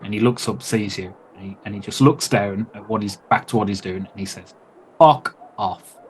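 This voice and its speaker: A man's voice: lowish voice, fairly even intonation, fairly quick, a little hiss or hum. A man narrating and running a tabletop game in loose, rambling, sweary talk. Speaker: game master.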